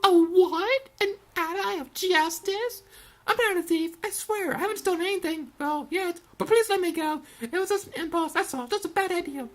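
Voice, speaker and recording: A woman's voice: extremely high pitch, voice pushed up. A woman voicing a young girl, a rich debutante fallen into poverty, in a theatrical, pleading and self-pitying way as she reads game dialogue. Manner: theatrical, pleading, rapid gushing delivery. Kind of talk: reading game dialogue aloud in a put-on voice.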